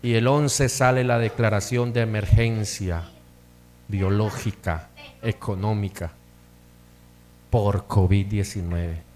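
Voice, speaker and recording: A man's voice: on the low side, steady tone, takes it slowly, long pauses, darkish tone. A middle-aged male pastor preaching a sermon in a church hall, rising into emphatic bursts as he speaks.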